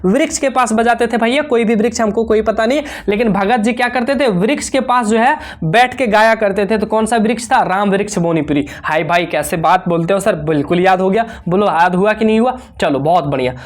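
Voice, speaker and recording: A woman teaching an exam revision lesson, firing off questions and answers and repeating key points with playful memory tricks. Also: mid-range voice. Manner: rapid question-and-answer drilling, constantly addressing students.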